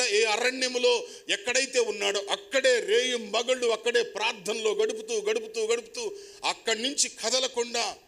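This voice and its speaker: A man preaching a sermon as pastor, swinging between loud, emphatic calls and quiet asides to the congregation. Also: sits high. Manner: preaching with sudden loud rises and quiet asides, calling for applause.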